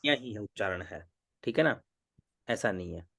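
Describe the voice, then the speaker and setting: A man teaching Vedic chanting in an online class, patiently repeating each syllable slowly and correcting pronunciation over a video call. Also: on the low side, expressive, creaky, a bit bright.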